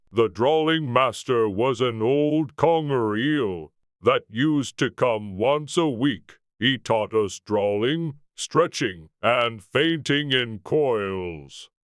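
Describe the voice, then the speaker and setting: A woman voicing a melancholy, touchy old turtle creature, slow and mournful, in a dramatized audiobook. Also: rumbling low, no echo, clean studio sound, heavily acted.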